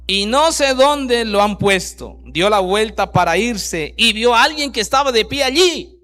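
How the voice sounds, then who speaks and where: This high-voiced pastor reads scripture during his sermon, breaking in with rhetorical questions. He shifts between booming outbursts and lines spoken very softly.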